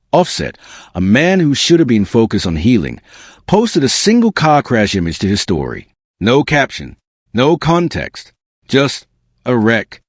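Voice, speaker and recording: A man's voice: fairly low pitch, no room sound, studio quality. A man narrating a scripted celebrity gossip exposé in a smug, sarcastic, slangy and punchy manner. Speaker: gossip commentary video narrator.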